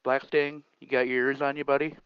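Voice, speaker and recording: A man making a solemn, drawn-out ceremonial call over CB radio, with muffled radio sound. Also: medium pitch, level tone, smooth, no room sound. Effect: CB radio transmission. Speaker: trucker giving a memorial final call.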